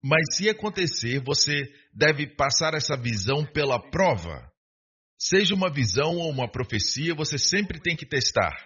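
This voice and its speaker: A man's voice: on the high side, big pitch swings, normal speed, a bit bright, breathy edge, muffled recording. A man, preaching a sermon and often asking the congregation rhetorical questions and calling for an amen.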